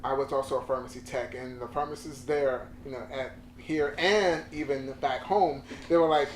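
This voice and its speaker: A man from Virginia, a photographer guest, giving relaxed, short answers in a casual interview in a room with a couch. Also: medium pitch, normal speed, roomy sound. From Virginia, USA.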